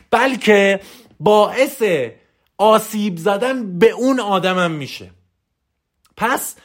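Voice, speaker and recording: A man giving a motivational coaching talk in a voice message, emphatic and preachy, hammering points home through repetition. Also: high-pitched.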